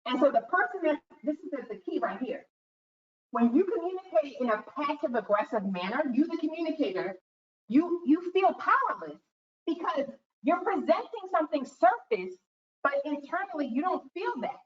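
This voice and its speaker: A woman giving a talk to students, telling stories and acting out quotes as she goes. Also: fairly high pitch. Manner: animated storytelling with acted-out quotes. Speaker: guest speaker. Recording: echoey room, distant mic, dull sound.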